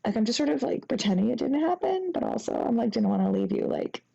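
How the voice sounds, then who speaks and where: Playing a flustered, apologetic young ex-girlfriend the morning after a drunken night, an actress rambles to an old flame in an intimate phone-call roleplay. She sounds embarrassed and halting, breaking into nervous giggles. Her soft, dark, relaxed voice is a little high and exaggerated, heavily creaky, on a slightly dull recording.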